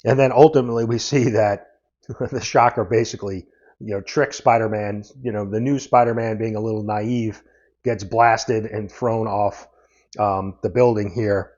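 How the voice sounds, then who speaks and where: A man's voice: lowish voice, fairly even intonation, moderate pace, a little mellow. A man giving a casual comic book review, recapping the plot in a loose, meandering way. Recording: dull lo-fi audio.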